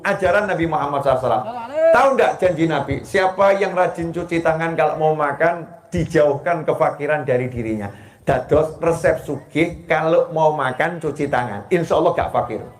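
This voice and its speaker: A male preacher with a Javanese accent delivers a lively sermon to a gathered congregation, joking with them as he goes. His voice sits high for a man. The recording carries an echoey hall sound. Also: moderate pace. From Solo, Central Java. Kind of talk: religious sermon to a live gathering.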